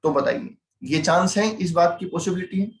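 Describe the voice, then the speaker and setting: Indian male tutor, slightly high voice, quizzes students as he explains, echoey room. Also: moderate pace. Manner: explains with everyday role-play examples, asks students questions. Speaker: CMA teacher. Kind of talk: online class lecture.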